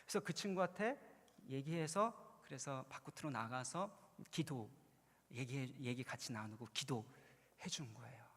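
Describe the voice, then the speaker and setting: A man's voice: medium pitch, a little slow, a bit bright, slightly rough. Man preaching in an echoing hall. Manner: conversational storytelling, earnest, building to emphatic points. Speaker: pastor. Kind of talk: sermon at a youth retreat. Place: large church hall. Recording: long reverb in a large hall.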